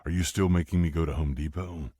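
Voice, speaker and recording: Narrator doing a deep-voiced man, rumbling and lazy. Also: fairly even intonation, quick pace, warm tone, slightly rough, dry recording, studio quality. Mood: drowsy teasing.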